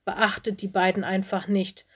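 A woman voicing a busy, motherly fox headmistress in a children's audiobook, gentle but firm. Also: mid-range voice, completely flat delivery, normal speed, breathy edge. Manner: gentle, softly stern.

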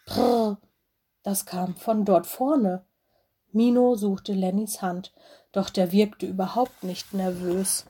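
A woman narrating a children's storybook in a gentle, expressive manner. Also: mid-range voice, slightly rough. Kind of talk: storybook reading.

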